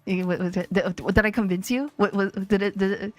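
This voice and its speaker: A woman's voice: medium pitch, steady tone, brisk, no echo, faint music behind. A woman streamer chatting playfully with her viewers, rambling and joking. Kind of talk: casual live-stream chat.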